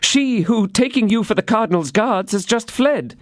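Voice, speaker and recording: A woman's voice: a little high, animated, moderate pace, pitched above the performer's own voice, close to an everyday voice. A man voicing Constance, a frail, frightened young woman who is dying, in an audiobook reading. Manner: breathless, pleading.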